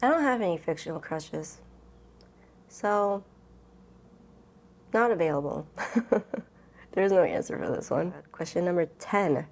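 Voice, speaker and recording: Her voice sits low and sounds a little mellow as she works through tag questions on her book vlog. The chat is casual and informal, full of rambling and thinking aloud.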